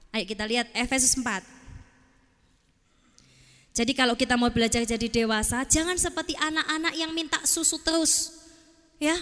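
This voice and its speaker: High bright woman preaching in a hall. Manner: animated, acts out story characters, calls for amen. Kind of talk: sermon. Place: church hall. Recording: long reverb of a large hall.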